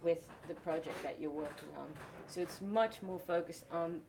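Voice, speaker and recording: A young woman in her twenties from the Netherlands, a festival host explaining her work in a measured, step-by-step casual chat. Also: lowish voice, background noise.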